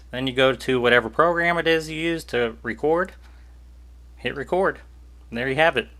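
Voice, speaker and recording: An easygoing man talks through a gadget review in a chatty, joking way. His voice is bright and sits at a middle pitch. He records at home straight into a cheap USB desk microphone. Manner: chatty, easygoing, jokey asides. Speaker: YouTuber reviewing gear. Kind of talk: casual product review vlog.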